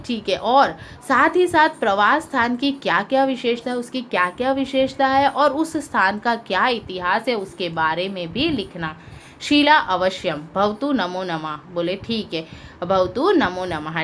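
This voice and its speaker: Woman teacher, patient, questioning the class, slightly high voice, faint background hiss. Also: a bit bright. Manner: patient, asks pupils questions, translates line by line. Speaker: school teacher. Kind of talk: explaining a Sanskrit lesson in Hindi.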